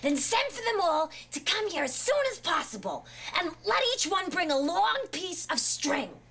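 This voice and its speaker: A woman voicing assorted storybook characters in high, exaggerated, sing-song voices for an audiobook reading. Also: big pitch swings, moderate pace, gravelly, a bit bright, heavily acted.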